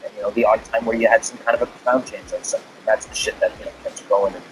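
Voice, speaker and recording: A man's voice: on the low side, fairly even intonation, racing, noisy background. A man, a glass artist, guesting on a podcast, talking in a loose, profane way with many fillers and restarts. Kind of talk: casual chat.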